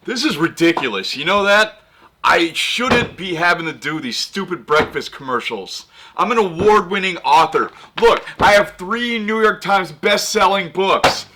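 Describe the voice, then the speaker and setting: Man playing a vain, short-fused wrestler in a comedy sketch; high voice, wildly animated, exasperated griping. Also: a little slow, a little hiss or hum, heavily acted. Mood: boastful, outraged. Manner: indignant, exasperated, boastful complaining. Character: arrogant, temperamental pro wrestler shooting a commercial.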